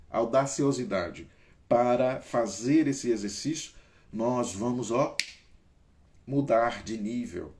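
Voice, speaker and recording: A man from Brazil hosting a casual talk, coaching listeners through breathing exercises and calling on them by name. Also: medium pitch. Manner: animated, emphatic, varies pace and loudness. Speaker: host.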